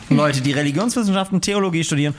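A man's voice: fairly high pitch, lively intonation, a little fast, slight background noise. A man co-hosting a podcast who runs a literature quiz in a playful, joking way. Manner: playful, jokey. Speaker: podcast co-host, quiz master. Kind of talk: casual quiz chat.

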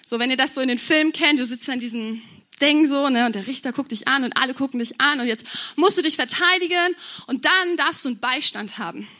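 A young woman preaching to a youth group in a casual, chatty, lively way with some youth slang. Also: high-pitched, brisk. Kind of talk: sermon.

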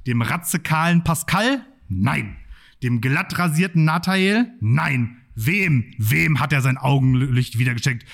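A man's voice: on the high side, expressive, a little slow, gravelly, a bit bright, full character voice. A man performing a boastful macho bearded man in a comic monologue, full of swaggering mock-tough bragging. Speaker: podcast host.

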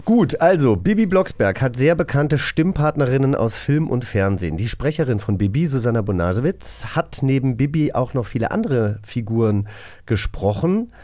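This podcast host, who also serves as quizmaster, has an expressive, darkish voice of medium pitch and speaks at a normal speed. His talk is chatty and rambling as he explains and poses questions. It is casual radio play podcast conversation.

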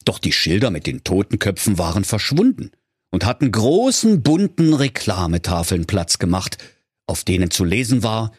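A man narrating a comic fairy tale for children in a playful, lively storytelling manner. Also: on the low side, normal speed, husky, dry recording, studio quality.

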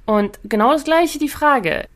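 Chatty higher-voiced woman dog trainer. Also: a little slow. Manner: lively, chatty, asks "ja?" often and laughs between points. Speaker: dog trainer and podcast host. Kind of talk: casual spoken podcast lesson.

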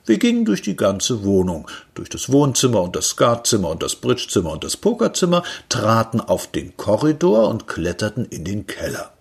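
A man reading a literary story aloud in a wry, lively storytelling manner. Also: medium pitch, breathy edge. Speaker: reader.

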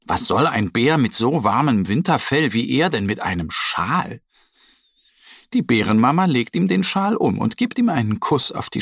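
A man narrating a children's story in a slow, lively storytelling manner. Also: mid-range voice, slightly rough, no room sound, studio quality.

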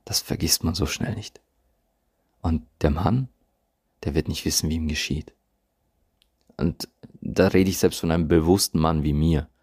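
Deep gravelly German-speaking man coaching. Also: darkish tone. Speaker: podcast host and tantra coach. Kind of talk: monologue podcast. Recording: recorded without usual laptop setup.

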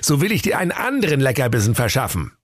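A man's voice: big pitch swings, dry recording, clean studio sound. A man voicing a sly, nervous male fox who stammers while he schemes, in a comic storybook reading. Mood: nervous wheedling. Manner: stammering, high and fast-talking.

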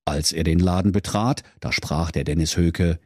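A man's voice: low-pitched, moderate pace, no echo, clean studio sound. A man narrating a comic fairy tale in a playful, theatrical way. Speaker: storyteller.

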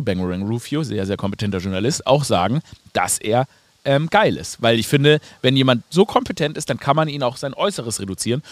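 A man's voice: medium pitch, no echo. A man hosting a podcast, talking in a casual comedic monologue full of ironic asides and fillers.

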